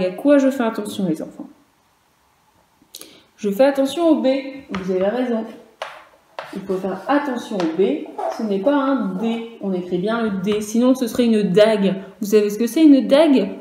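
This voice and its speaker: A woman teaching first graders in a recorded online class, sounding out each syllable and letter clearly and patiently, and now and then speaking to the parents. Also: fairly high pitch, warm tone, echoey room, a little hiss or hum. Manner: speaks to children and parents in turn. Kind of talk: recorded virtual class lesson.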